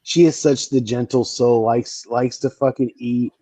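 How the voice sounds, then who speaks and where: A man's voice: medium pitch, steady tone, unhurried, mellow, breathy edge, no echo, distant mic. A man on a live comedy podcast panel, rambling and swearing as he tells stories. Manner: rambling, profane, laughs at himself. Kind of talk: casual live stream chat.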